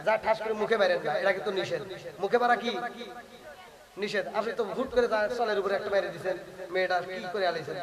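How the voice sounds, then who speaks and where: A very high-pitched man preaching, swinging between sung chanting and pointed questions to the crowd. His voice rings through an echoing loudspeaker at a crowded outdoor gathering, with listeners audible around him. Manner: fervent, sings passages, throws rhetorical questions at the crowd. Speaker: Islamic preacher. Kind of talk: Bengali religious sermon with sung chanting.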